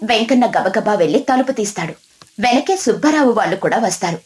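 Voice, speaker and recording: A woman narrating a scripted moral story in a steady, expressive reading voice. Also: mid-range voice, a little fast.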